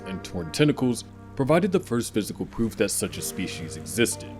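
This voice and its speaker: A man with a fairly deep voice narrates in the manner of a nature documentary. His scripted delivery is dramatic and measured, with very varied intonation. Music plays clearly behind him. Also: darkish tone. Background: music bed.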